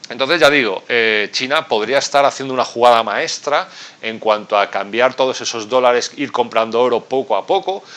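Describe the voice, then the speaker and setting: A man from Spain explaining economics step by step, talking straight to the viewer and checking in with quick tag questions. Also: mid-range voice, fairly bright tone. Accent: Spain Spanish. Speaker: business expert and investment channel host. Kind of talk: explanatory talk to camera.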